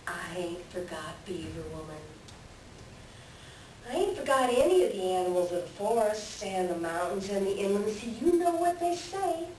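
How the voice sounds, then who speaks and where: A woman's voice: medium pitch, big pitch swings, moderate pace, darkish tone, close to an everyday voice. A woman playing a sly, self-serving coyote trickster with folksy, rustic speech in a readers theater animal tale. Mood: cagey, stubborn. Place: library readers theater performance. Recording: roomy, distant mic, faint background noise.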